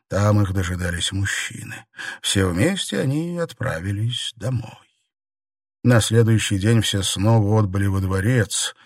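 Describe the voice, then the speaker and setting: A man's voice: fairly low pitch, slightly rough, no room sound, studio quality. A man reading a classic novel aloud as scripted narration. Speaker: audiobook reader.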